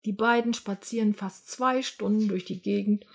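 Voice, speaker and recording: A woman narrating a children's story aloud in a lively, expressive way. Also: mid-range voice, normal speed, creaky.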